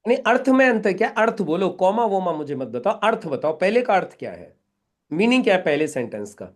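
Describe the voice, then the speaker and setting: A man's voice: high-pitched, big pitch swings, a little fast. A middle-aged man leading a live training session in a meeting room, instructing the group and quizzing them with questions.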